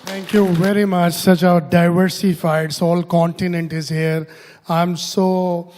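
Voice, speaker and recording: A man's voice: high voice, little pitch movement, a little slow, a little mellow, a little hiss or hum. A man organizing the event, speaking graciously into a handheld mic on a large conference stage. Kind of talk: closing remarks on stage. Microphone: handheld microphone. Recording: long hall reverb.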